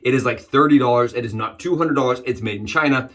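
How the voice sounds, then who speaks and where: A man's voice: medium pitch, fast. A middle-aged man hosting a shaving vlog, chatting to camera in an enthusiastic, rambling way with frequent exclamations. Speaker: wet shaving channel host. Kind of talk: casual chat to camera.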